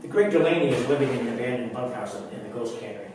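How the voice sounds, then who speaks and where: Man, poetry reading, wry and measured, dry humor, very roomy echo, distant mic. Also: mid-range voice, animated, noisy background. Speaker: poet reading his work. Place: public library reading. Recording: very echoey room, mic far off, audible background.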